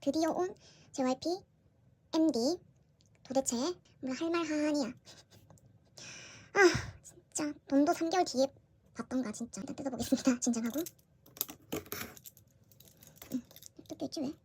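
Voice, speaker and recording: A young woman vlogging as she unboxes merchandise, gushing and excitable, repeating how cute everything is. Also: high-pitched, moderate pace, long pauses. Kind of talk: casual unboxing vlog. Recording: audible background noise with crinkling packaging.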